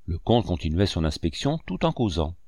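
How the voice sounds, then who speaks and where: A man narrating a novel as an audiobook, in measured storytelling. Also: low-pitched, very animated, darkish tone, no echo, clean studio sound. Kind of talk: scripted narration.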